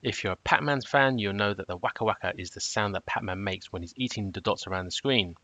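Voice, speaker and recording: A man with a fairly low voice reads a scripted review close to the mic. His delivery is measured and matter-of-fact, with a cautionary edge. The sound is dry, with no room around it. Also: bright, forceful tone, dry recording, dull audio. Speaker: trading robot reviewer.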